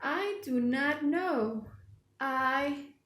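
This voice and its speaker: A woman voicing a worried young male elephant who keeps sneezing and talks in anxious, halting bursts. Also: sits high, animated, a bit bright, roomy sound, pitched above the performer's own voice, full character voice. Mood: worried, sneezy.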